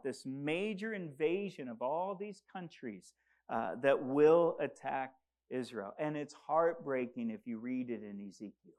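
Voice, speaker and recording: A man's voice: mid-range voice, darkish tone. A man who grew up in Congo preaching a sermon, earnest and rising to urgent emphasis. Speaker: pastor.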